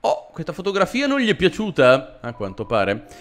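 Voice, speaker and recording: A man with a sore throat giving sarcastic, animated commentary while playing a video game. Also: fairly high pitch, normal speed, soft background music. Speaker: let's play host. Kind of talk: gameplay commentary.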